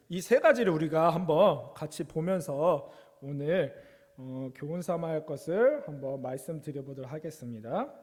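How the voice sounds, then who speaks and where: A man's voice: fairly high pitch, a little mellow, big-room sound. A young man preaching to children and teens as their youth pastor, in a conversational way that keeps asking them questions. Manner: conversational, asks the kids questions.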